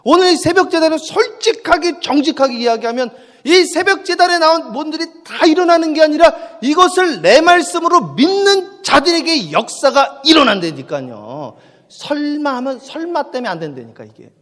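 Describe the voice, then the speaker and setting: A man preaching at a dawn church service as pastor, emphatic, repeating his phrases and swinging from quiet talk to shouting. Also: very high voice, sing-song, moderate pace, big-room sound. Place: church sanctuary.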